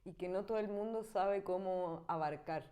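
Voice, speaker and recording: A woman's voice: mid-range voice, normal speed, dark tone. A woman in her thirties from Chile with a Chilean accent, a guest artist chatting casually in an interview, thinking aloud with many fillers and frequent laughs. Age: 30s.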